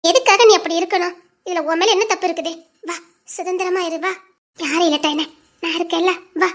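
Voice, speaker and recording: A woman's voice: very high voice, steady tone, a little fast. A woman playing a caring young friend who coaxes and reassures in an audio drama. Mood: coaxing. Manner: coaxing, reassuring. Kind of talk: Tamil audio drama acting.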